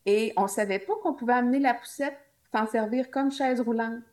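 A woman's voice: fairly high pitch, normal speed, a little mellow. A woman with a Québécois French accent, a podcast guest telling travel stories in casual chat, with jokey asides. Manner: chatty storytelling, jokey asides.

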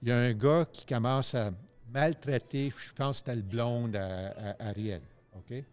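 Animated man telling stories. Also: mid-range voice, normal speed, smooth, soft background music. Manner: animated storyteller, many fillers and restarts. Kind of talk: casual radio chat.

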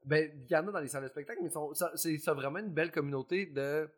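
A man's voice: on the high side, racing. A man with a Quebec French accent in casual, joking chat. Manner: joking, puts on mock English voices.

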